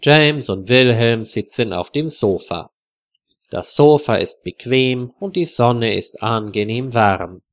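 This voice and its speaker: A man narrating a story slowly and clearly for language learners. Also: medium pitch, no room sound, studio quality. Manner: clear, measured.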